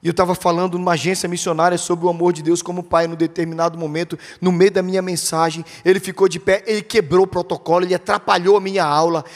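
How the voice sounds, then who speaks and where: Brazilian pastor guy preaching hard, kinda high voice, big church echo. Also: little pitch movement, fast talker, hardly any pauses. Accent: Brazilian Portuguese. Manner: impassioned, emphatic preaching that addresses the congregation directly. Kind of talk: sermon. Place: church sanctuary. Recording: long church hall reverb.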